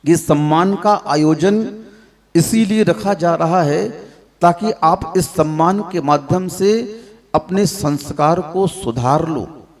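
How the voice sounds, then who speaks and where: A male preacher with a high voice delivers a scolding sermon at a slow pace. He fires reproachful rhetorical questions at his listeners. His voice comes through a microphone and rings with the long reverb of a large hall. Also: darkish tone. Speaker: religious preacher. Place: large hall at a public gathering.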